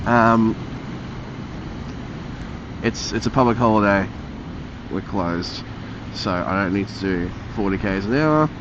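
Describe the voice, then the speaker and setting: A man's voice: on the low side, takes it slowly, pauses often. A man chatting casually to himself as he rides, rambling and muttering, his voice muffled inside a motorcycle helmet. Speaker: motovlogger. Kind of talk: casual vlog chat while riding a motorbike. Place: inside a motorcycle helmet, riding outdoors on roads. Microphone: helmet-mounted mic close to the mouth. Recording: muffled helmet mic, faint vehicle noise.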